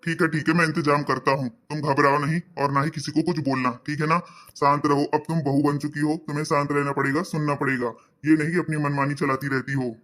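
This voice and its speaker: A woman voicing a calm older father who patiently talks his spoiled daughter down, in a comedy skit. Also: sits low, fast, voice pushed down. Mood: soothing. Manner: patient, placating.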